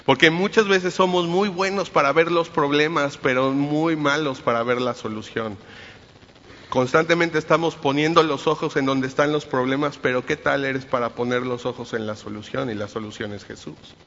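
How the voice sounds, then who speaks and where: A man's voice: mid-range voice, fairly even intonation, moderate pace, fairly bright tone. Casual male preacher in a reverberant hall. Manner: casual storytelling, retells scripture in everyday speech. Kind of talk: conversational sermon. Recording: reverberant hall, dull lo-fi sound.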